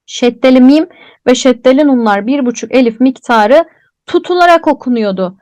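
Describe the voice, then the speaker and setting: A woman's voice: high voice, lively intonation, moderate pace, a little mellow, dry recording, dull audio. A woman teaching a Quran recitation lesson, explaining step by step and asking and answering her own questions, drawing out letter names as she recites them. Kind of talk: online tajweed lesson.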